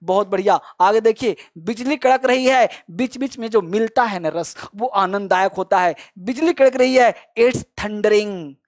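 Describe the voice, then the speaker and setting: A man teaching a spoken English lesson, repeating example sentences slowly and adding encouraging, chatty asides to the learners. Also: high voice. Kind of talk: online language lesson.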